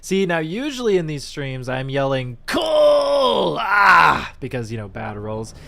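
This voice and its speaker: A man hosting a live stream of a board game, commentating as he plays and bursting into shouts and laughter. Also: mid-range voice, moderate pace. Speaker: streamer and channel host.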